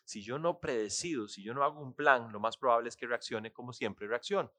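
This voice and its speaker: A man preaching a sermon, animated and asking listeners questions. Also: mid-range voice, fairly quick. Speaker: pastor.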